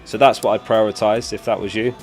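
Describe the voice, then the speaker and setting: A young streamer host with a lowish voice speaks fairly quickly and keeps a steady tone, with music faint in the background. He chats casually and answers chat's questions during his live stream as he gets over a lost voice.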